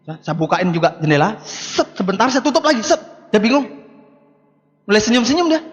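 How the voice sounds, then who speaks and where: A man's voice: sits high, very animated, fairly quick. A man in his forties giving an emphatic seminar speech to a live audience, repeating rallying words and addressing the crowd directly. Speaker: motivational business speaker. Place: large hall with live audience. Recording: echoey hall, dull lo-fi sound.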